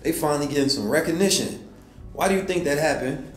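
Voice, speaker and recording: A man giving a motivational talk in a somewhat high voice, preaching to his listeners and throwing out rhetorical questions. His voice rings in a roomy, echoey space, with faint music underneath. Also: fast talker. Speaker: host.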